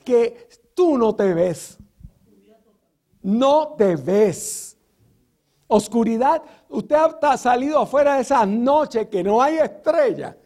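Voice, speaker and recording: A man's voice: very high voice, expressive, measured pace, darkish tone. A man preaching a sermon, teaching Bible verses with rhetorical questions and frequent filler sounds.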